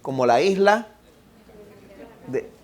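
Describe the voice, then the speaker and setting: Un pastor con acento puertorriqueño predicando ante su congregación, que lee las Escrituras con énfasis pausado y exhorta directamente a los oyentes. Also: male voice, on the high side, lively intonation. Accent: Puerto Rican Spanish. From Puerto Rico. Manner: reads scripture slowly and emphatically, then exhorts the congregation directly. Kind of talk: sermon. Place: church sanctuary.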